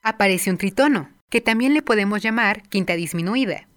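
A woman presenting a music appreciation lesson, explaining film music clearly and addressing her viewers directly. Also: medium pitch, animated, brisk. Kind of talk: scripted educational narration.

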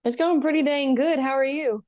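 In a casual interview, a young Texan musician appearing as a guest speaks earnestly and upbeat, with lots of "um" and "you know". Her voice sits high and is a little mellow, at a moderate pace.

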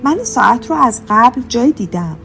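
A woman's voice: a little high, big pitch swings, vocal fry, a bit bright, faint music behind, heavily acted. A woman voicing an agitated, easily alarmed male artist in an audiobook, keeping close to her own voice. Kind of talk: audiobook character reading.

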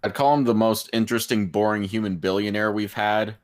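A man's voice: on the low side, fairly even intonation, brisk. A man co-hosting a casual podcast, dry and hesitant in delivery. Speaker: podcast co-host. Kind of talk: casual chat.

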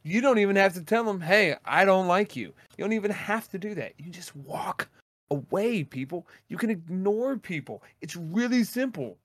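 Blunt high-voiced man ranting. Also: expressive, normal speed, dry recording. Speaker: podcast co-host. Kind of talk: casual podcast rant.

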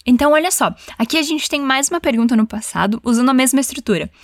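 A woman teaching an English lesson, giving encouraging prompts and modelling phrases slowly for the listener to repeat. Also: sits high, expressive, no room sound, studio quality.

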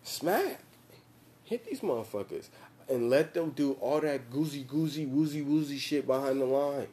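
A man's voice: mid-range voice, lively intonation, moderate pace, mellow. A young American man chatting casually about sports in a slangy, profane, repetitive and emphatic frat-bro manner. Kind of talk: casual chat about football tactics.

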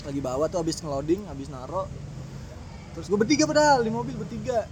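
A man's voice: high voice, fast, a crowd in the background. A young man with a Jakarta accent telling a slangy street story in casual chat, acting out the people he quotes. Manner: slangy, animated storytelling that acts out quoted exchanges.

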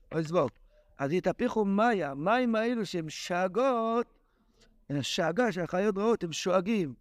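A man's voice: high voice, dry recording. A man teaching a daily religious text lesson in an impassioned way, with exclamatory sighs. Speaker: Torah teacher.

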